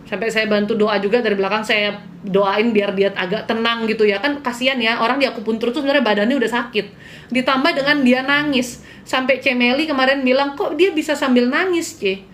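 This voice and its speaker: A woman's voice: on the high side, a bit bright, a little hiss or hum. A woman hosting a live stream as a spiritual healer, telling a client's story in a casual style, earnest and candid, sometimes pleading with viewers.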